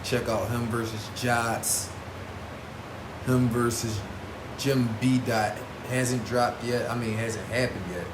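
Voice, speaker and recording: In an echoey room with clear background noise, a male vlog host reviews battle rap artists in informal, slang-heavy talk, repeating points emphatically. His mid-range voice keeps a fairly even intonation, and he takes his time.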